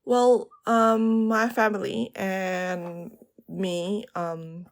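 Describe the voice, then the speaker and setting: A woman's voice: medium pitch, little pitch movement, extremely slow. A woman co-hosting a casual podcast chat, with a light, upbeat delivery. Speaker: podcast co-host.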